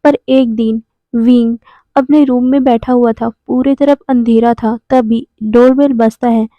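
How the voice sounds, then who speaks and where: A woman's voice: a little high, fairly even intonation, unhurried, no echo, highs cut off. A woman casually narrating a fan story, chatty with small fillers. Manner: conversational, adds fillers like "ना" and "मतलब".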